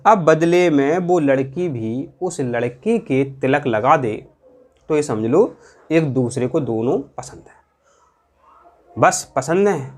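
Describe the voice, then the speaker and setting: Man teaching exam prep, fairly high voice, asks questions and drills the answers. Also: animated, slow pace. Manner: repeats answers, asks questions aloud, colloquial. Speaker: quiz teacher.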